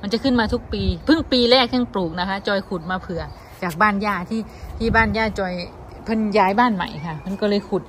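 A chatty woman vlogger with an Isan Thai accent speaks fast in a mid-range voice, with a little hiss or hum behind her. She addresses viewers as brothers and sisters while showing them a garden outdoors.

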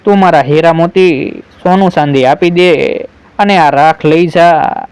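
A man narrating a folk tale in an unhurried storytelling manner, reading every character's lines in his own voice. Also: fairly high pitch, darkish tone, clear, resonant tone, dry recording.

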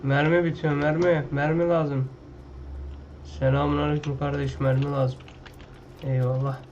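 A man's voice: a little high, little pitch movement, unhurried, darkish tone, lo-fi sound, slight background noise. Slangy man narrating his gameplay. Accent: Turkish. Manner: loose, slangy talk to himself and the game. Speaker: gaming YouTuber. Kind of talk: casual gameplay commentary.

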